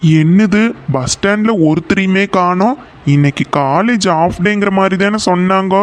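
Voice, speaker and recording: A man's voice: sits high, moderate pace, a little hiss or hum, close to an everyday voice. A man voicing a timid, lovestruck young office worker in a cartoon, speaking with a Kongu Tamil accent and coaxing and pleading with the woman he likes. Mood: worried. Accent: Kongu Tamil (Coimbatore). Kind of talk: cartoon voice acting.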